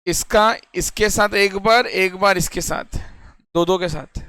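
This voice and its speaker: Bright-voiced male tutor, talking dry and close. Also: sits high, a little slow, clear, resonant tone, no echo. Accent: Indian English mixed into Hindi. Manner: explains step by step, often checking if students follow. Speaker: teacher. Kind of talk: classroom lecture on reasoning puzzles.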